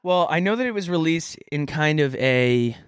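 A man's voice: a little high, animated, moderate pace, smooth, no echo, clean studio sound. A man co-hosting a podcast in casual, comedic chat, joking and self-deprecating, who pronounces his th sounds as f. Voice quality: says th sounds as f. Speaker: podcast co-host.

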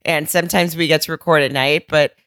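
Low-voiced rambling woman co-host. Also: steady tone, fairly quick, fairly bright tone, dry recording, clean studio sound. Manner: rambling, laughing storyteller who swears casually. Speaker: podcast co-host. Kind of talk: casual chat.

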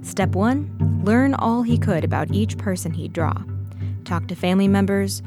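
A woman hosting a podcast, reading scripted narration in a measured, gentle storytelling voice. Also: mid-range voice, animated. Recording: narration over clear music.

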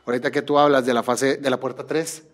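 A man tells a personal story on a casual podcast. He speaks in an animated way, restarting phrases and repeating words while he searches for the thread. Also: medium pitch, fast. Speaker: podcast host.

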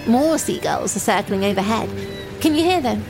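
A woman's voice: mid-range voice, big pitch swings, normal speed, creaky, music in the background, rough recording. A woman playing a lonely, timid young runaway in an audio drama monologue, speaking in simple, naive, confiding phrases. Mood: forlorn, waiting. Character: lonely, timid young runaway waiting for a train, childlike and wistful.

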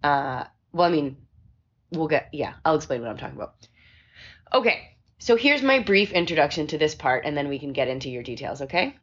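A woman's voice: sits low, lively intonation, a little fast, a bit bright, breathy edge, highs cut off. A woman hosting a casual post-race chat, rambling a little, recorded on a phone in a hotel room. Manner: rambling, with many restarts and fillers. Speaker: podcast host.

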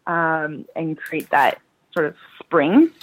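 A woman's voice: deep voice, takes it slowly. A woman therapist explaining pelvic floor care in an interview, her voice coming through a tinny phone line, reassuring and practical with frequent fillers.

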